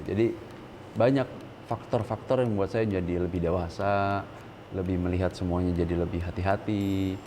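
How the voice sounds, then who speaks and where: A man's voice: low-pitched, noisy background. A man in his thirties speaking candidly as an interview guest, earnest and dropping English words into his speech. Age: 30s. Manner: earnest, mixes English words, stressed rises when quoting others.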